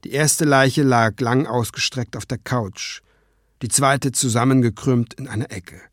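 A man narrating a fantasy audiobook in lively storytelling style. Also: medium pitch, unhurried, no echo, studio quality. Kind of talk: scripted narration.

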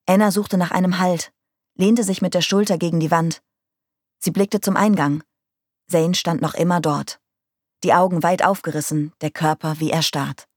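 A woman reading a crime novel aloud in a calm, measured narrating voice. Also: fairly low pitch, husky, no echo, clean studio sound.

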